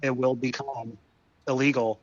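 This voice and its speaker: A man's voice comes through a phone call, muffled and dull with no room sound at all. He is a guest on the line, laying out his points in a measured, deliberate way at a middle pitch. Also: level tone, no echo. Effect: heard over the phone. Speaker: phone-in guest, head of an advocacy group. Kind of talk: phone interview. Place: green room before a TV appearance.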